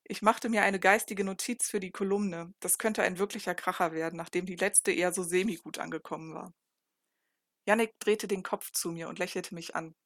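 A woman narrating a first-person novel in a calm, even reading voice. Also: lowish voice, normal speed, dry recording, studio quality. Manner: calm, even reading with occasional small slips. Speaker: audiobook narrator.

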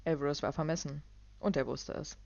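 A woman, the author, reading from her novel in an even, measured storytelling manner. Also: sits low, gravelly, dry recording. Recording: dull lo-fi dry recording.

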